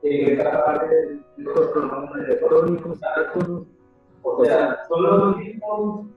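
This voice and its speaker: A man's voice: high voice, slow pace, soft background music. A male student asking a hesitant question in an online class. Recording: tinny distant phone-like mic, heavy echo.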